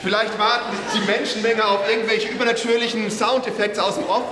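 A man preaching a sermon, telling the story in a lively, casual way and talking directly to his listeners. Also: high voice, brisk, crowd noise. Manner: lively storytelling, addresses the audience, casual slang. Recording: echoey hall with faint hiss.

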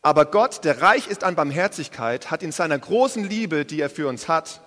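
Male pastor, casual and lively sermon delivery, slightly higher voice, long hall echo. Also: normal speed. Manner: lively, casual, speaks to the congregation directly. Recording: preached in a large hall with long reverb.

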